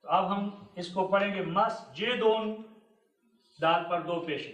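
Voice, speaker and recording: A man teaching a classroom lesson, speaking slowly and repeating each word for his students, recorded in a 1990s classroom. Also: high voice, steady tone, a bit bright. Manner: slow, repeats words for students. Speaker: Arabic teacher. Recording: echoey 1990s room recording from far off.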